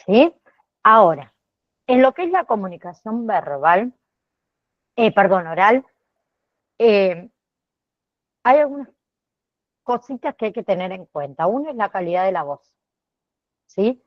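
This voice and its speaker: A woman lectures at an unhurried pace, dropping a questioning "¿sí?" after almost every phrase and apologizing for her own slips. The audio sounds dry and a little dull, like a computer microphone in an online class. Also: medium pitch, very animated, no room sound. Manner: checks in with frequent "¿sí?" tags; apologizes and corrects herself mid-sentence. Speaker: teacher.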